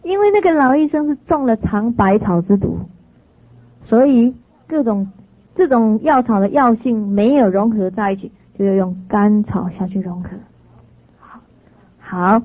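Woman preaching with stories, animated, trips over words n fixes them, dry dull sound. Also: mid-range voice, unhurried, dry recording. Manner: lively storyteller, laughs, corrects herself. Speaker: dharma teacher. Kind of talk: storytelling sermon to an audience.

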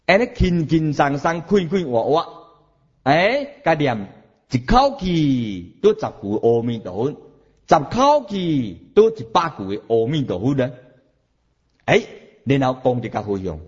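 A man with a Taiwanese accent giving a Buddhist sermon, animated, chanting examples and questioning his listeners. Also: mid-range voice, a little slow, breathy edge, lo-fi sound. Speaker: Buddhist teacher.

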